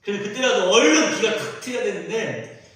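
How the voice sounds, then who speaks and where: A male pastor delivering a sermon in a church, animated, acting out the voices he quotes. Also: high-pitched, a little fast. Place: church sanctuary. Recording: echoey church from a distant mic.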